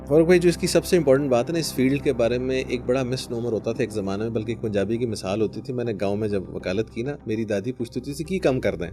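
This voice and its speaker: A man's voice: mid-range voice, quick pace, hardly any pauses, over music. A man in his forties with a Pakistani Urdu accent, a lawyer answering interview questions in an earnest, storytelling way, mixing in English phrases. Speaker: lawyer, podcast guest.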